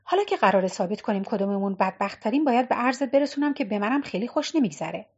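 A woman's voice: medium pitch, expressive, husky. A woman voicing a tired, defensive young woman, a former singer, in an audiobook. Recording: dull lo-fi recording.

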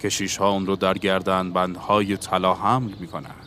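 A man's voice: deep voice, little pitch movement, a bit bright, slight background noise. A man reading the part of a bookish Englishman, earnest and lecturing, in an audiobook. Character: bookish Englishman seeking a universal language.

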